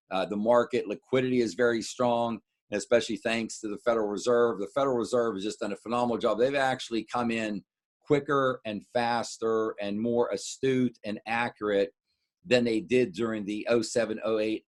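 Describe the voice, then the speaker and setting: Speaking in a mid-range voice, this middle-aged American man, a wealth adviser, walks clients through an informal market recap. He stumbles and repeats himself while adding side explanations.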